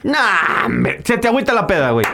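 A man's voice: sits high, very animated, fairly quick, vocal fry, sharp tone, slight background noise. A man with a Mexican accent co-hosting a casual comedy chat, joking crudely and swearing freely. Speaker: podcast co-host.

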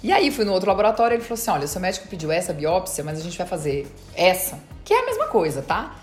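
A woman guest on an interview podcast, casually recounting her story in a fast, chatty way and quoting past conversations. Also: fairly low pitch, sing-song, soft background music. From Brazil. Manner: fast, chatty retelling with quoted dialogue. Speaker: dentist and marathon runner.

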